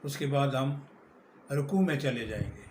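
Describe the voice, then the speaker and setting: A man's voice: mid-range voice, a little hiss or hum. Man teaching prayer in an echoey room. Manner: explains plainly, then recites Arabic slowly and melodically. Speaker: religious teacher. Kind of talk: prayer instruction with recitation.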